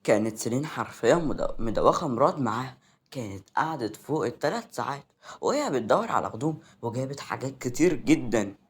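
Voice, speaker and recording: A man's voice: medium pitch, sing-song, fast talker, husky. A man with an Egyptian accent narrating a story in a chatty, casual way.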